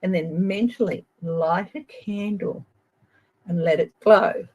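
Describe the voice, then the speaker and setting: A middle-aged Australian woman giving a gentle, chatty tarot reading on a live stream and addressing viewers by name. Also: medium pitch, takes it slowly, low-quality recording. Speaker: tarot reader.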